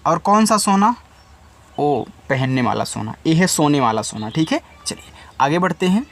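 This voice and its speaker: A man's voice: on the high side, very animated, moderate pace. A man teaching beginners to read, patiently spelling words out letter by letter and speaking directly to the student. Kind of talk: spelling and reading lesson for beginners.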